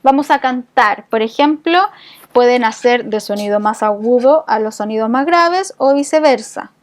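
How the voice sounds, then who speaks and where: A woman's voice: a little high, moderate pace. A woman teaching a community voice-care class, explaining patiently and checking in with the group often. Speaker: voice therapy instructor.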